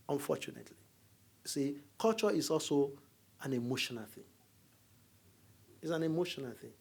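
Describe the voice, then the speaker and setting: The Nigerian diplomat's voice is a little high and creaky. A middle-aged man with a Nigerian accent, he tells stories and trades jokes with the audience during his animated university lecture.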